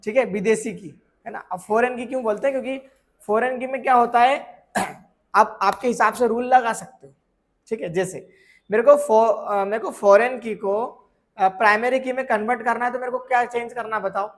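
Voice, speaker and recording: A man teaching a software course, explaining with everyday examples and often asking whether students have understood. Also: very high-pitched, fairly even intonation, normal speed. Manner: keeps checking if students follow; asks rhetorical questions and answers them. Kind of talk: screen tutorial lesson.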